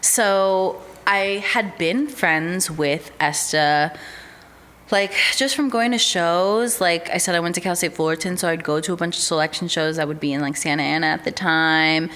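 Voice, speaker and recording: Pitched fairly low and delivered at an ordinary speed, this is a young American woman guesting on a podcast. An artist manager by trade, she keeps the conversation loose and chatty, leaning heavily on fillers such as "um" and "like."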